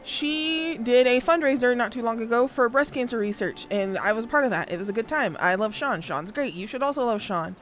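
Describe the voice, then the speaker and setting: A woman's voice: a little high, lively intonation, brisk, few pauses. A woman livestreaming a game, chatting casually in a bubbly, playful, rambling way. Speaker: game streamer. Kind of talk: casual livestream chat while gaming. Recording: music behind the voice. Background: music.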